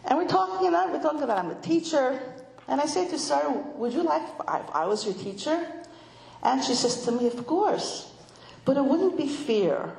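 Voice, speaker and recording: A middle-aged woman giving an informal talk to women, telling stories with animation and voicing children in a high pitch. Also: animated, quick pace, vocal fry, darkish tone. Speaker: speaker addressing a women's audience. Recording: echoey room with faint noise.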